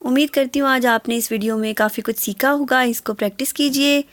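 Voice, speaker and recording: A woman whose first language is Urdu, teaching English phone phrases and explaining each word, reading the English lines slowly. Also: high voice, steady tone, fairly bright tone, no room sound. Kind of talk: spoken language lesson.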